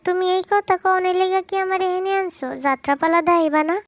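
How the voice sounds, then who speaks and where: A woman voicing a shy but sharp-tongued young village girl in a fan-fiction audio story, in a rural Bangladeshi dialect. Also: extremely high pitch, fairly even intonation, no room sound, dull audio, pitched above the performer's own voice. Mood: pouting. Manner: quick, scolding banter.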